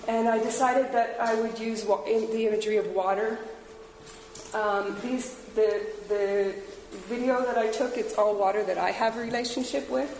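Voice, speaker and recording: A woman installation artist talking about her work, halting and hesitant, with many fillers and restarts. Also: on the high side, fairly even intonation, a little mellow. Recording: echoey hall, faint ambience.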